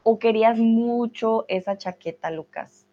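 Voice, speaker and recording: A woman's voice: a little high, unhurried. A woman teaching Spanish in a live-streamed lesson, reading out viewers' chat comments and answering them in a patient, encouraging way. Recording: dull lo-fi stream audio.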